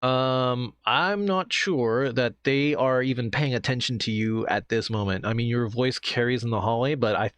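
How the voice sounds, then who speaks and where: A man's voice: mid-range voice, moderate pace, hardly any pauses, fairly bright tone, smooth, no room sound. A man narrating as game master, describing scenes in a loose, conversational way with many restarts.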